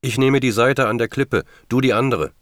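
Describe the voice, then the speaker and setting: A man reading a story, voicing a man who shouts orders against the wind during a search. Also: mid-range voice, steady tone, normal speed, no echo, clean studio sound, voice pushed up, lightly acted. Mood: shouting. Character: steady adult man leading a search.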